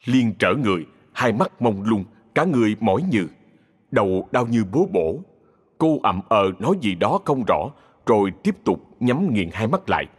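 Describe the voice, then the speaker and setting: Husky low-voiced male story narrator. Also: big pitch swings. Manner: measured storytelling. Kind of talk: scripted narration. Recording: long reverb.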